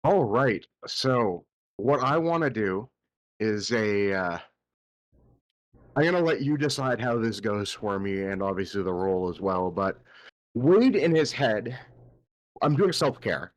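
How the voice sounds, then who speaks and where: A man's voice: lowish voice, lively intonation, slow pace, pauses often. A man in casual chat as a player in a tabletop game, rambling through his plans and laughing often.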